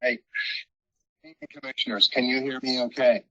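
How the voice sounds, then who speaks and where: A man heard over a phone held up to a meeting, speaking haltingly with many pauses and restarts as he explains a project to a commission. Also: mid-range voice, little pitch movement, pushed and bright, no echo. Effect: heard over a phone held up to the room. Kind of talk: public meeting remarks. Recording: muffled phone speaker audio.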